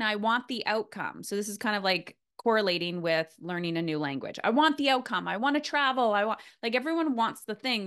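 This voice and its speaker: A woman with a mid-range, fairly bright voice hosts a casual podcast interview. As a coach, she speaks in a motivational style, emphatic and repeating phrases for weight.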